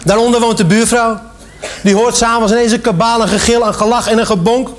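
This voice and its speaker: High-voiced man telling jokes. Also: steady tone, fairly quick. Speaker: joke teller.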